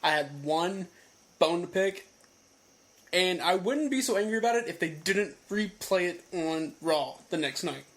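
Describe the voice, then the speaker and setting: Podcast co-host, male, high-pitched voice, animated mock-outraged ranter. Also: measured pace. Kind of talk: casual chat.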